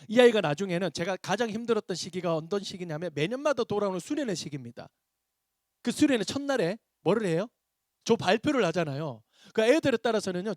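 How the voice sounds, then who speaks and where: High-voiced pastor telling lively stories. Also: male voice, no echo, studio quality. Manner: animated storyteller acting out dialogue. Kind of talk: seminar lecture with acted anecdotes.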